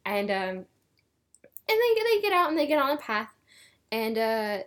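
A woman chats her way through a recap of a tabletop game, her high voice rising and falling in lively swoops. She rambles, stacks up fillers and corrects herself as she goes. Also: measured pace. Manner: rambling, full of fillers and self-corrections, laughs often. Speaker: podcast co-host recapping a game session. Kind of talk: casual chat retelling a tabletop game story.

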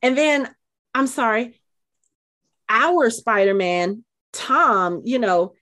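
A middle-aged woman co-hosts a casual podcast in a middle-pitched voice. She gushes with emotion and keeps restarting her sentences with fillers. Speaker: podcast co-host.

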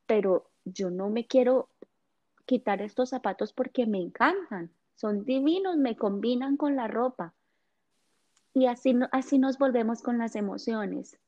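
A woman, a guest, talking in a gentle, hesitant way with many fillers, explaining in casual conversation. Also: fairly high pitch, muffled recording. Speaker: guest on chakras and essential oils.

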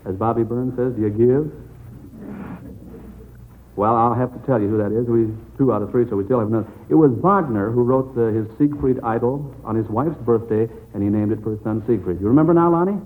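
On a tinny, noisy old radio broadcast from the 1940s, a man filling in as substitute quizmaster chats with children in a folksy, chummy manner. His voice is mid-range and fairly quick.

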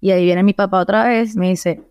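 A young Venezuelan woman from Caracas, a singer chatting as an interview guest, telling stories in a lively way and dropping English phrases into her Spanish. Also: mid-range voice, fairly quick, clear, resonant tone, no echo, studio quality. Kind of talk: casual interview chat.

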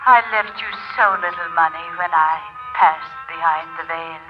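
An actress playing a dead mother's spirit in a slow, doting ghost voice, in old radio drama style. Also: deep voice, fairly even intonation, lightly acted. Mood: tender, worried. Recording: dull lo-fi old radio recording, loud music.

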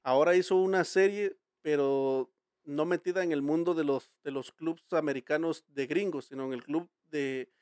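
A man's voice: on the high side, normal speed, darkish tone, clean tone, no room sound, clean studio sound. A Mexican man hosting a casual podcast chat, telling rambling, slang-filled stories with many restarts. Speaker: podcast host.

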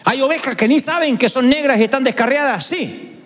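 A man's voice: very high voice, a little fast, noisy background. A male pastor preaching a sermon, acting out the words of the people he quotes. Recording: echoey hall with long reverb.

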